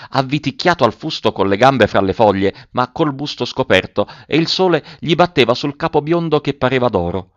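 A man narrating a classic story as an audiobook, in a measured, even storytelling manner. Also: mid-range voice, dry recording, muffled recording.

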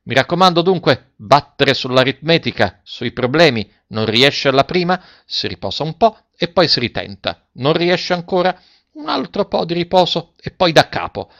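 A man voicing an ailing, affectionate old male schoolteacher who speaks gently and fatherly, in a storybook reading. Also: fairly high pitch, sing-song, normal speed, gravelly, voice pushed up, exaggerated voice. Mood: tender. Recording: dull dry lo-fi recording.

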